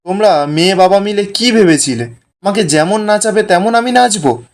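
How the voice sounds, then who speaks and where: A woman's voice: medium pitch, moderate pace, natural voice. A man voicing a bitter young woman, a wronged younger daughter accusing her family. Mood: defiant. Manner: accusing, defiant.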